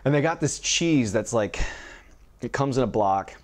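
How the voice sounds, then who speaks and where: A man's voice: mid-range voice, expressive, normal speed. A man hosting a podcast, telling funny stories in casual chat, laughing often. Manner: joking, storytelling, laughs often. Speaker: podcast host.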